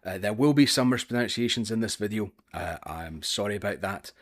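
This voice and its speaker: A man with a Scottish accent presents a scripted history video, explaining things carefully with an occasional filler "uh." His pitch is fairly low and he talks a little fast in this educational narration.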